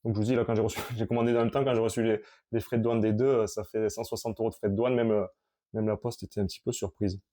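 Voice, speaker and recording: Man rambling about his collection, mellow voice. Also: lowish voice, level tone. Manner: rambling, halting, with many restarts and fillers. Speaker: collector showing his comics. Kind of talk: casual collection vlog.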